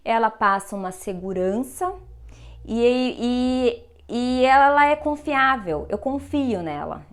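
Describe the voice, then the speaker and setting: Earnest woman giving a testimonial. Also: on the high side. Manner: earnest, uses fillers like "né" and "meu". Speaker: testimonial speaker. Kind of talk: personal testimonial.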